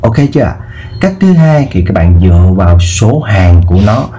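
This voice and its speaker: A man's voice: sits low, big pitch swings, moderate pace, warm tone, soft background music. A man teaching a math lesson in a casual way, often repeating words and checking in with his viewers. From southern Vietnam. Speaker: math tutor. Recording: faint background noise.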